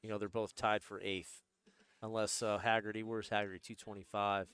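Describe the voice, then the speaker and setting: A man co-commentating on a sporting event, terse and steady, reeling off scores and quick affirmations. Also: lowish voice, clean tone, no echo.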